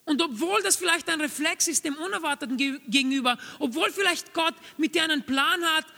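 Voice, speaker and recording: A man's voice: very high voice, brisk, gravelly, sharp tone. A man preaching a sermon to a congregation, earnest and urging, repeating his key phrases for emphasis. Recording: long reverb of a large hall.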